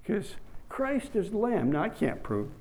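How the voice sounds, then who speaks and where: A man preaching a sermon, reading scripture slowly and rising to emphatic bursts on key words. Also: sits high, sing-song, a little mellow, low-quality recording.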